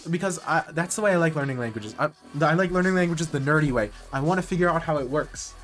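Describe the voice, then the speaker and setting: A native English-speaking man talks fast in a fairly high, somewhat bright voice over soft background music. He's streaming live and chatting casually with viewers, rambling and correcting himself mid-sentence with nerdy enthusiasm.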